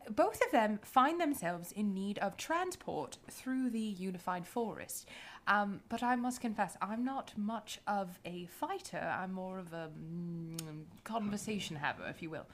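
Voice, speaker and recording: A woman voicing a polite, formal negotiator who talks in elaborate, halting courtesies. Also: mid-range voice, expressive. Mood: courteous.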